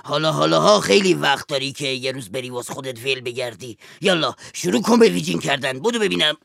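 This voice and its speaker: A broke, bossy father hems and stammers, his voice gravelly yet bright and edged, recorded dry and close. A man acts him out in a story recording. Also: on the high side, lively intonation, dry recording, exaggerated voice. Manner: hesitant, stammering with filler sounds. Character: broke, fast-talking father, wheedling and bossy. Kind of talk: audiobook voice acting.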